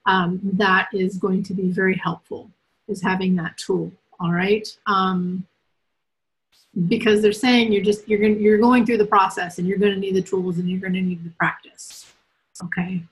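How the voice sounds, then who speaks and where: A woman hosts a live spiritual question-and-answer reading over a video call, talking at a medium pitch. She speaks in a loose, chatty way and giggles easily. She often tags her points with "right?" or "okay?". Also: little pitch movement, moderate pace, low-quality recording. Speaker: spiritual reader and host.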